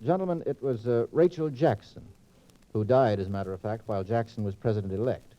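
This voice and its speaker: Heard on a muffled 1940s radio transcription disc, a mellow mid-range male voice moves briskly as he runs a panel quiz. His hosting style is exact, verbose, and playfully teasing.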